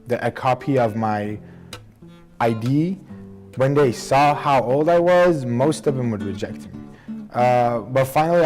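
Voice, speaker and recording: With a slightly mellow, mid-range voice and a Persian accent, a young Iranian man thoughtfully recounts his life for a documentary. He's earnest and measured, and at times backs up to correct himself.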